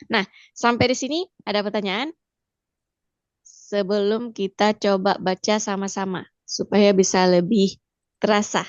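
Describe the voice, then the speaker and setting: A woman teaching Mandarin pronunciation with an Indonesian accent, patiently repeating sounds slowly for practice. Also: medium pitch, dry recording, lo-fi sound. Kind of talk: online language lesson.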